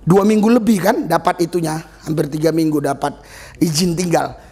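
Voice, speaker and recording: Male pastor, high gravelly voice, lively pitch, animated storytelling sermon. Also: brisk. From Nias, Indonesia. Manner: animated storytelling, acting out other people's voices with laughter. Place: church service.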